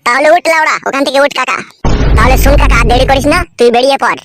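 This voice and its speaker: A woman's voice: high voice, over music, lightly acted. A woman voicing a fussy suspicious young man. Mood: coaxing. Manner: rapid, pleading, fussy. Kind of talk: cartoon comedy voice acting.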